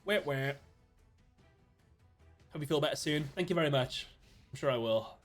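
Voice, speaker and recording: A British man chatting casually while streaming a card game, thinking aloud, greeting viewers and breaking into sudden excited outbursts. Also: on the high side, normal speed, faint music behind. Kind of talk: casual live-stream gameplay commentary.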